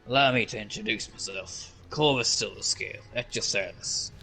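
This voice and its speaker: A man's voice: on the low side, normal speed, pushed and bright, faint music behind, exaggerated voice, rough recording. A man voicing a charming, courtly adventurer introducing himself in a tabletop game. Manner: smooth, courtly. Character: suave charming male adventurer.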